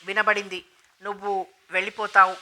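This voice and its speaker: A woman voicing a meek, dutiful grown son who speaks softly and helplessly, in an audiobook novel reading. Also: mid-range voice, level tone, moderate pace, close to an everyday voice. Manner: soft and helpless.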